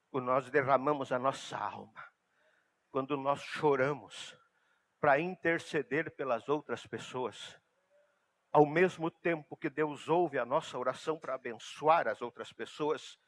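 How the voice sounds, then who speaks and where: Brief: male pastor, sermon, fairly high and bright, swings from hushed to loud.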